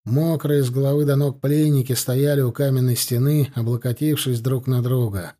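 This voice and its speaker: A man narrating an audiobook in a measured storytelling manner. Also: mid-range voice, steady tone, warm tone. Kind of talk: scripted narration.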